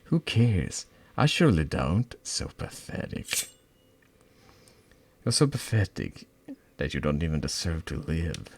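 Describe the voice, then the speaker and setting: This is a spiteful teenage girl who turns on her friend in a role-playing game, put on by a man. She mocks and threatens in a cold, unhurried way. The voice sits extremely low and rough, with lively swings in pitch. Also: background noise, exaggerated voice. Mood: menacing. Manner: taunting, cold and menacing.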